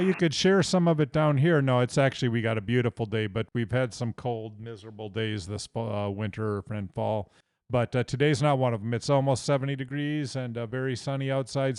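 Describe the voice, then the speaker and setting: An American man works as an amateur radio operator, talking casually between calls. His mid-range voice is crisp and resonant, recorded close and dry. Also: mid-range voice, a little fast, a little mellow, no room sound. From Iowa, United States. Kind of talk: casual ham radio exchange.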